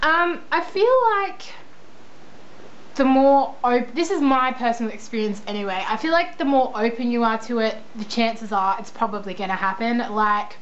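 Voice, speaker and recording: Young Australian female vlogger, high voice, informal and rambling, dull lo-fi recording. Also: normal speed. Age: young adult. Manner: rambling, self-deprecating, informal. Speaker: vlogger answering viewer questions. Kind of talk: casual chat. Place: indoors at a computer. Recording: dull lo-fi sound, faint background noise.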